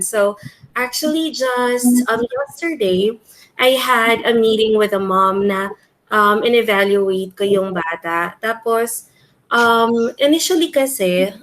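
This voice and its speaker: A woman teacher talking through her observations of students in a casual discussion, switching between two languages and pausing often with um. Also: mid-range voice, low-quality recording. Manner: thoughtful, many um fillers.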